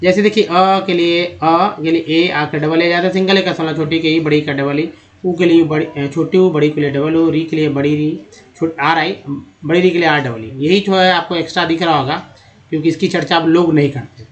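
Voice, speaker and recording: A man's voice: fairly high pitch, fairly even intonation, a little fast, lo-fi sound. Hindi-speaking man teaching English sounds. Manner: explains step by step, often asks and answers himself. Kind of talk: classroom-style explanation.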